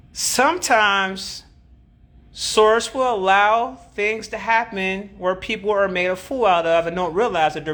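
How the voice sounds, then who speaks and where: This brash woman plays spiritual teacher on a casual livestream, responding to viewer comments with profanity, clowning and frequent laughter. She repeats phrases several times before moving on, in a voice on the low side that is bright, sharp and tensely edged.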